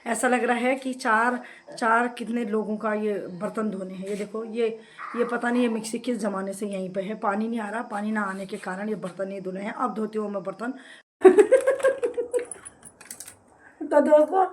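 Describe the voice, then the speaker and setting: A woman's voice: on the high side, a little mellow, low-quality recording. A young woman, vlogging her daily routine at home in a chatty way and often laughing as she talks. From hill region of north India. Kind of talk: casual daily-routine vlog. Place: at home, indoors and outside in the sun.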